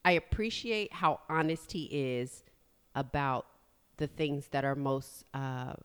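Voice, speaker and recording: A woman of forty in casual chat as a podcast host, speaking in an expressive, effusive way. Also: rumbling low, slow, smooth. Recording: long hollow reverb.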